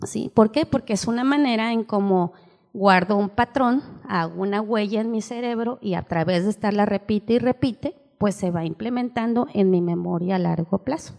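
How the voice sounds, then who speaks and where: An older woman leading a teachers' seminar at a church, reading from notes and explaining, often checking in with a quick question. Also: medium pitch, gravelly, a little mellow. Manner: explains while reading aloud, keeps asking ¿sí?. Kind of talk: seminar lecture. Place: church hall. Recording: hall reverb.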